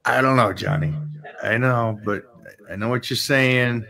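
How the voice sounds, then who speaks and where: A man's voice: mid-range voice, measured pace, gravelly, bright, forceful tone. A man co-hosting a live question-and-answer show, teasing and motivational, talking into a desk mic in a studio. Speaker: co-host. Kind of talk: live Q&A chat. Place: studio set with backdrop. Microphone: desk microphone.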